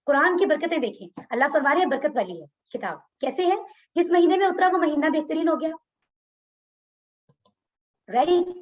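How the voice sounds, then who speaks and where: This Quran teacher's high-pitched voice has lively intonation, normal speed, and frequent pauses, captured in lo-fi sound on a video call. Speaking with a Pakistani Urdu accent in her online religious class, she breaks down words individually, repeats what they mean, and questions her students.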